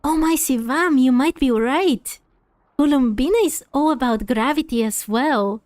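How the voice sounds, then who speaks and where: A woman's voice: high voice, a little slow, a little mellow, no room sound. A woman gaming host giving casual commentary as she plays through a game.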